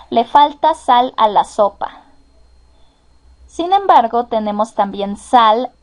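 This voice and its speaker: A woman with a Mexican accent teaching at a deliberately slow pace, her voice sitting a little high. She explains patiently and repeats each example so it sinks in. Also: a little mellow. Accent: Mexican Spanish. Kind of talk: slow, careful classroom explanation.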